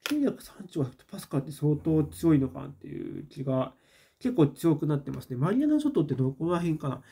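A man chats through a relaxed livestream, reading viewer comments and musing aloud with plenty of fillers and pauses. His voice sits a little high for a man, with a mellow, soft tone. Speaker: host.

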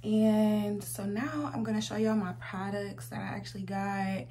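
A woman's voice: medium pitch, steady tone, a little slow, dark tone. A woman in her twenties with an American accent, chatting informally and slangily as a makeup vlogger. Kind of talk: casual chat, makeup tutorial. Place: small room at home, indoors. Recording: noisy home recording with hum.

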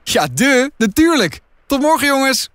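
A man voicing a cheeky, adventurous teenage girl in a storybook reading, breezy and bright. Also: sits high, very animated, normal speed, no echo, studio quality, pitched above the performer's own voice.

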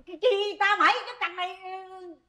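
An actress playing a blunt, bossy older sister in a stage comedy sketch. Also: female voice, extremely high pitch, flat delivery, moderate pace, sharp tone. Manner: blunt, ordering others about. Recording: live stage with audience laughter.

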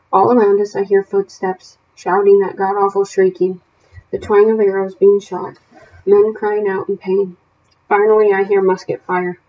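A woman's voice: mid-range voice, lo-fi sound, a little hiss or hum. Woman teacher reading a novel aloud. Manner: steady, plain reading with small self-corrections. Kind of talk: reading a novel aloud and setting homework questions.

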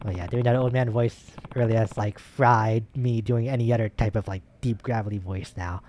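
A man's voice: fairly low pitch, steady tone, moderate pace, warm tone, a little hiss or hum. A man giving casual commentary as he plays a video game. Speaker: let's player.

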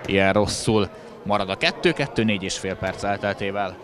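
A man doing chatty live handball commentary with wry asides. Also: fairly low pitch. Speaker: sports commentator. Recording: crowd noise in sports hall. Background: crowd in a sports hall.

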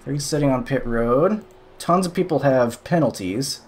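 A man's voice: mid-range voice, expressive, moderate pace, a little mellow. A young man giving casual, sarcastic commentary over a sim racing replay, exasperated at the calls.

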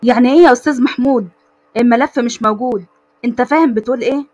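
A woman's voice: a little high, quick pace, breathy edge. A woman voicing a furious young boss. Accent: Egyptian Arabic. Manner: shouting, threatening.

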